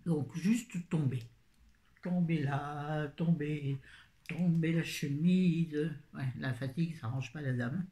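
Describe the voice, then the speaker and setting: A woman's voice: sits low, takes it slowly, warm tone. A middle-aged woman chatting casually through a grocery haul, rambling with self-mocking asides. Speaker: vlogger. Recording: echoey room.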